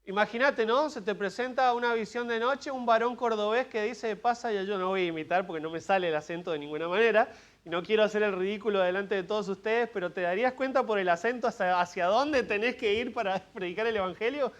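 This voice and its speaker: High-voiced Argentine preacher. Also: male voice, fast, muffled recording. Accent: Argentine Spanish. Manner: conversational preaching with asides, humor and questions to the congregation. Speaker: pastor. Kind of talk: expository sermon. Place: church service.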